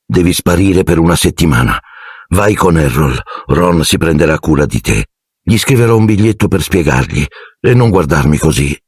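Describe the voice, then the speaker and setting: A man voicing a cool-headed, defiant teenage boy wizard in an audiobook, raising his pitch for the role. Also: animated, normal speed, breathy edge, no room sound, clean studio sound, exaggerated voice. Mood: glum.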